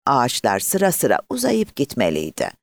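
A man narrating an audiobook story in a slow, measured way. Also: mid-range voice, huge pitch swings, creaky, no echo.

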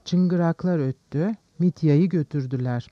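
A man narrating an audiobook in a steady, measured reading. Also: on the high side, no echo. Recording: dull, dry studio sound.

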